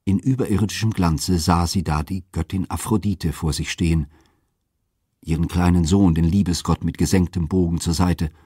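A man narrating classical myths as an audiobook reader, with a steady, expressive delivery. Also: deep voice, normal speed, slightly rough, dry recording, studio quality.

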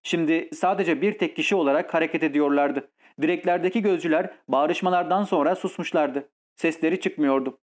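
A man narrating an adventure audiobook in a steady, measured storytelling voice. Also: fairly high pitch.

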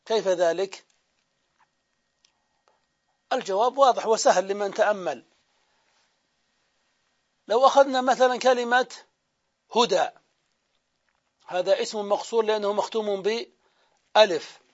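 Man, grammar teacher, high voice, asks and answers his own questions, drawn-out examples, dull lo-fi recording. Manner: drawn-out repetition of example words. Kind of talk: classroom grammar lecture.

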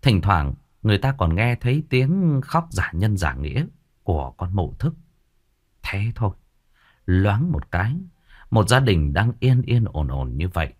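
A man narrating a ghost story in a dramatic, expressive way. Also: sits low.

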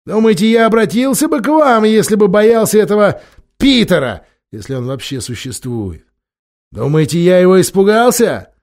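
A man voicing a hot-tempered, blustering king who shouts his indignant words high and loud in a storybook reading.

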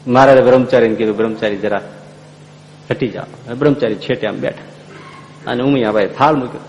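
A man's voice: medium pitch, quick pace, a little mellow, big-room sound, muffled recording, a little hiss or hum. A man telling a devotional story as a sermon, acting out the dialogue and singing snatches of song. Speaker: preacher.

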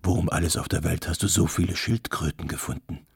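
Awestruck man in an audiobook, read by a male narrator: hushed half-whisper, husky and very gravelly. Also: low voice, fairly even intonation, brisk, no echo, clean studio sound, pitched below the performer's own voice, full character voice. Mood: awed. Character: astonished, delighted grown man. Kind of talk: audiobook character reading.

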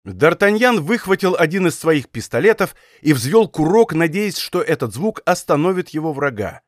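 A male narrator reads an adventure novel in a measured, dramatic way, building the tension of a chase. His voice sits a little high for a man. It is recorded close and dry in a studio, with no room sound. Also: big pitch swings, dry recording. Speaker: audiobook narrator. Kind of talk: scripted narration.

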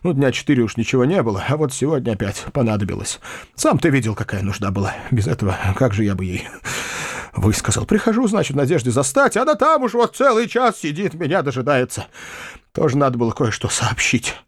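A flustered middle-aged country gentleman, kind at heart and anxious, voiced by a male reader. He pours out his words in a breathless, rushed way, his pitch leaping up and down. The recording is close and dry. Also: sing-song, no echo. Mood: confiding, flustered.

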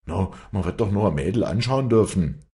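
A man's voice: low-pitched, lively intonation, normal speed, warm tone, voice pushed up. A man voicing a grumbling Bavarian young hunter. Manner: irritable, grumbling.

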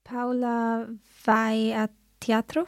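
A woman's voice: a little high, completely flat delivery, takes it slowly, no echo, studio quality. A woman student in a language lesson, giving careful and tentative answers.

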